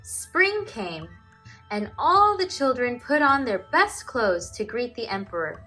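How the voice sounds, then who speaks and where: A woman teacher reads to children in an unhurried, deliberate storytelling voice. Her intonation is very animated, rising and falling to give phrases emphasis, with music present in the recording. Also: a little high, rough recording. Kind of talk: expressive children's storybook reading.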